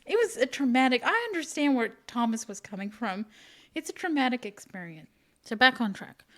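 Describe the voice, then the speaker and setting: A woman's voice: mid-range voice, a bit bright. Chatty woman from Oklahoma, rambling. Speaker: podcast co-host. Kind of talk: casual true-crime chat.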